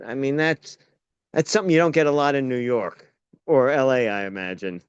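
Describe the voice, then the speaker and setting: A man's voice: mid-range voice, a little fast, smooth, no echo, lo-fi sound. An American actor and playwright chatting casually, telling rambling stories and often restarting his sentences. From United States. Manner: rambling, self-interrupting storyteller. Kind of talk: casual conversation.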